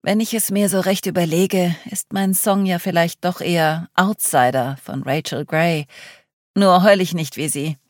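A woman's voice: on the low side, a little slow, no room sound, studio quality, close to an everyday voice. A woman reading the part of a blunt, gloomy young woman who keeps to herself, with a sarcastic, grumbling manner.

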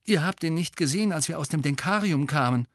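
A man reading an audiobook, voicing a defensive, uneasy fifteen-year-old boy who is quick to protest. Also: on the high side, animated, no echo, studio quality, pitched above the performer's own voice.

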